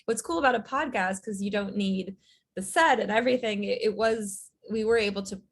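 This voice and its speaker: A woman who writes and directs is a guest in a casual interview, telling her story in a rambling way with lots of filler words. Her voice sits in the mid-range and her delivery is brisk.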